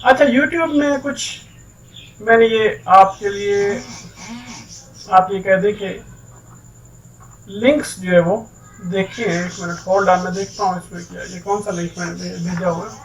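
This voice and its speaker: High-voiced man teaching English. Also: fairly even intonation, a little slow, long pauses, distant mic, slight background noise, low-quality recording. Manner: explains step by step, keeps saying "ठीक है"; mixes English words and phrases into his talk. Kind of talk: online lecture.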